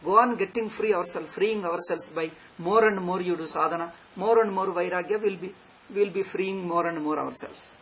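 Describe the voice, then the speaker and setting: A man delivers an off-the-cuff spiritual discourse in a fairly high voice. He speaks emphatically, repeating key phrases as a teacher would. The live recording carries some background noise. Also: moderate pace, a bit bright. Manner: emphatic and repetitive, restating phrases. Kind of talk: extempore religious discourse. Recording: clearly noisy live recording.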